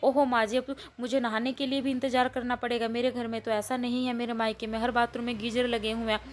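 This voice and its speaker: A woman reading aloud plays a haughty young bride in a spoken story, fairly high-voiced and forever complaining. She speaks in a bossy, scolding way. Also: little pitch movement, fast, noisy background, lightly acted.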